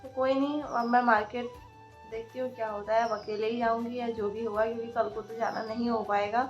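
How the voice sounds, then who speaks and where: A woman's voice: fairly high pitch, little pitch movement, brisk, dull audio, faint music behind. A young woman with a light lilt, chatting casually through a daily vlog at home and talking to her toddler now and then. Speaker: vlogger and mother. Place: indoors in a rented room.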